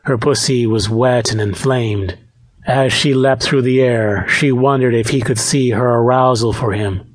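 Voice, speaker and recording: A man reading a romance audiobook aloud, in a steady, measured narration. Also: medium pitch, breathy edge. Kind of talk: scripted narration.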